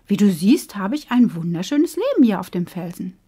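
A woman's voice: medium pitch, sing-song, normal speed, mellow, husky. A woman voicing a cheerful, naive little fish trapped in a bottle, chirpy and carefree.

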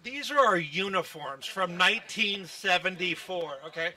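A man's voice: sits high, expressive, normal speed, sharp tone. A man, a baseball team executive giving press conference remarks outdoors at a stand microphone, telling stories with many fillers. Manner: folksy storytelling with many fillers. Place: outdoor park event. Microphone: podium microphone on stand.

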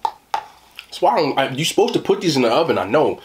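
A man's voice: on the high side, big pitch swings, fairly quick, background noise. A young man doing a mukbang eating chat, joking in slang and talking while he chews. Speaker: food reviewer.

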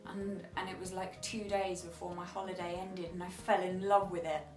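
A woman's voice: fairly low pitch, little pitch movement, normal speed, reverberant, distant mic, poor audio. A woman chatting casually to camera as a vlogger, rambling and correcting herself as she goes.

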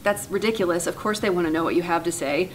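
An American woman, a dialect coach, explaining clearly and patiently with examples. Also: lowish voice, quick pace, a little hiss or hum. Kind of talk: explanatory teaching to camera.

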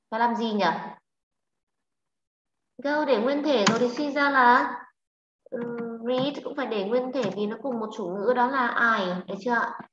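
Woman teacher, Vietnamese accent, higher voice, echoey lo-fi audio. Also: a bit bright, a little hiss or hum. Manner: brisk, scolding and coaxing students with questions. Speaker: English teacher. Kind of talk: online class teaching. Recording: echoey, lo-fi online class audio.

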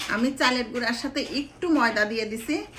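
A woman's voice: a little high, a little fast. Chatty Pabna-accented woman, noisy kitchen. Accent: Pabna Bengali. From Pabna, Bangladesh. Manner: chatty, teasing, complaining about her hand pain. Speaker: cooking vlogger. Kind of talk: casual home cooking vlog. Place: home kitchen.

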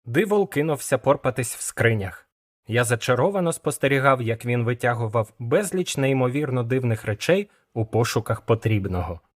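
A man narrating a humorous fantasy audiobook in an even, storytelling manner. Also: medium pitch, normal speed. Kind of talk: scripted narration.

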